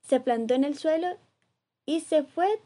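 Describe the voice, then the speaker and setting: A woman reading a children's story aloud in a gentle, rhythmic way. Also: sits high, a little slow. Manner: gentle, rhythmic, lively read with repeated refrains.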